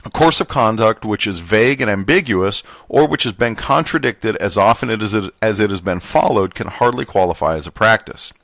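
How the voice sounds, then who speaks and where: Brief: male podcast host, low and slightly gravelly, steady reading of dense contract text, close and dry. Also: fairly quick, hardly any pauses, dry recording. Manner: plain, steady reading with occasional self-correcting stumbles. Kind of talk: reading a labor contract manual aloud with commentary.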